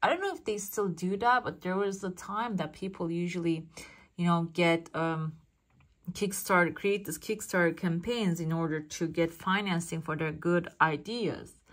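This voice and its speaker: A woman's voice: fairly low pitch, normal speed. Woman fortune teller giving a reading. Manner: fortune teller addressing the viewer, musing as she interprets. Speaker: fortune teller, channel host. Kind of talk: casual coffee cup fortune-telling reading.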